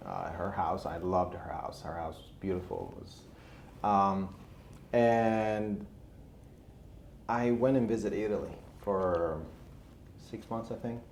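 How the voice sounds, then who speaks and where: An Albanian man in his thirties, whose first language is Albanian, casually tells his story as an interview guest; he is a real estate investor. His low voice is very animated yet slow, creaky and a little mellow, with long pauses. The room echoes, and there is faint background noise.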